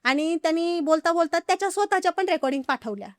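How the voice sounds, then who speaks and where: High, quick-talking woman. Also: no echo, studio quality. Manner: animated, acts out others' quoted lines. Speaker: farmer vlogger guest. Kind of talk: casual podcast interview storytelling.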